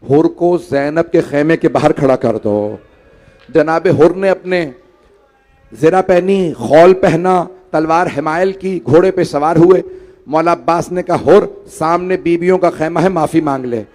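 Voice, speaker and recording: A man preaching a mourning sermon, swelling from hushed grief to loud pleading cries. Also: fairly high pitch. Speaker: Shia preacher reciting a majlis. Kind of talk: mourning sermon, chanted recitation of tragedy.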